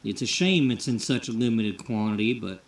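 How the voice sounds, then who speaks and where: A man's voice: fairly low pitch, expressive, normal speed, reverberant, distant mic. A man voicing a nervous, stammering male tile contractor in a life-sim game story, eager to please a client.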